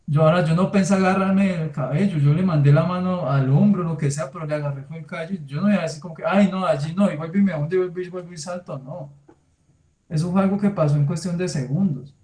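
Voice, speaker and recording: A man's voice: on the high side, quick pace. Echoey conversational preacher, a man. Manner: conversational preaching, addresses listeners directly; tells lively personal anecdotes with sound words. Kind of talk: sermon. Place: church hall. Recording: echoey room.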